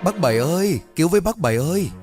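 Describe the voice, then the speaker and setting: A man's voice: medium pitch, normal speed, darkish tone, soft background music, lightly acted. A man voicing a desperate young male ghost who pleads and wails for help. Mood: pleading. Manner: pleading, wailing.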